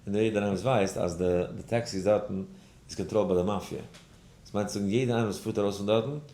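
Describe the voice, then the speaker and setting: Lowish-voiced man telling a story in a lesson. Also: a little fast. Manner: animated storyteller, acts out other voices. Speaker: rabbi teaching a daily study class. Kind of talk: lesson with a told personal story. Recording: roomy echo.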